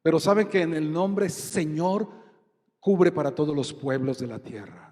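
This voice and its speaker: A Colombian man preaching a sermon with a fairly high voice and an unhurried delivery. He keeps asking his congregation questions. His voice rings out with a long reverb in a church hall. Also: a little mellow. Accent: Colombian Spanish. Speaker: pastor.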